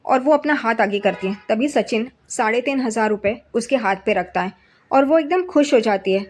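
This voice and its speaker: A woman recounts a serial's episode in a relaxed, chatty way. Her voice sits a little high, and she moves between narration and quoted lines without fuss. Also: moderate pace. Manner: conversational, reads characters' quotes with slightly raised pitch. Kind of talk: casual spoken retelling of a TV serial episode.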